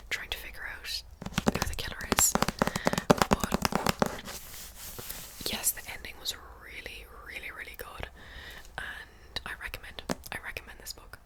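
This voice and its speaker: A woman's voice: normal speed, long pauses, low-quality recording. Close-up whispering ASMR woman. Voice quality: breathy unvoiced whisper. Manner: repeats words and phrases softly. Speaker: book review vlogger. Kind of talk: ASMR whispering, casual book chat. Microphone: close to the mic.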